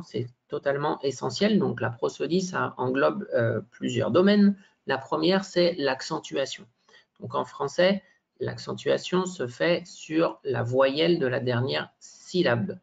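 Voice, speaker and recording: Male workshop presenter, very gravelly and husky, halting delivery full of fillers, dull lo-fi recording. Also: fairly high pitch. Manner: hesitant, many fillers, tag questions. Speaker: teacher trainer. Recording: dull lo-fi sound.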